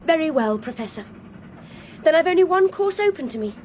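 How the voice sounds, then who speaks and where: An actress with a high, slightly dark voice plays an insistent, anxious young Englishwoman aboard a train in a radio drama. She speaks a little fast with lively intonation, urgent and determined, over noisy train ambience.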